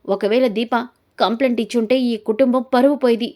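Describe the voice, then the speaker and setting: Old grandfather, proud, scolding, put on by a woman narrator, fairly high. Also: fairly even intonation, brisk, warm tone, natural voice. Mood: angry.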